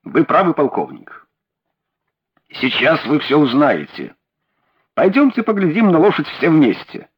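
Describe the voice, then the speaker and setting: A man voicing a calm, composed middle-aged detective in an audiobook reading. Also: on the high side, unhurried, pauses often, breathy edge, lo-fi sound, exaggerated voice. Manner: unflappable, composed.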